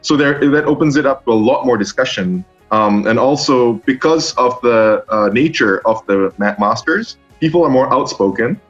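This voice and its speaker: A young man from Singapore, a master's student, answering interview questions in a halting way full of ums and restarts. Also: medium pitch. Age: young adult. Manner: hesitant, many ums and restarts. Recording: dull lo-fi sound with faint music.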